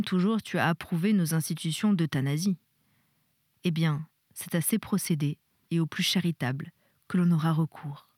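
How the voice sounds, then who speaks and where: A woman reading the part of a weary middle-aged husband who lectures his wife in a measured, insistent way. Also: high-pitched, a little mellow, no echo, clean studio sound, lightly acted.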